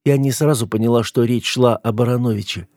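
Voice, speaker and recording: A man's voice: medium pitch, steady tone, brisk, darkish tone, no echo, clean studio sound, lightly acted. A man reading an audiobook voices a frightened, tearful young woman, pleading with a raised voice.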